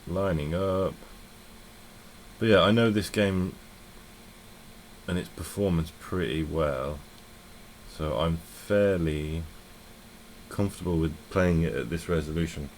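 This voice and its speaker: A man talks through his gameplay in a deep, low voice, thinking aloud and correcting himself as he goes. A faint hiss sits under the recording. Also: slow pace, long pauses. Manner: rambling, self-correcting, thinking aloud while playing. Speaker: tech vlogger. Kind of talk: casual gameplay commentary.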